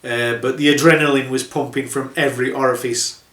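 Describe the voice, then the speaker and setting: A man's voice: medium pitch, fairly even intonation, fairly quick, fairly bright tone, roomy sound. A middle-aged man telling trucking stories in a casual, dry, sardonic way, chuckling at his own jokes. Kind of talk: casual anecdotal storytelling.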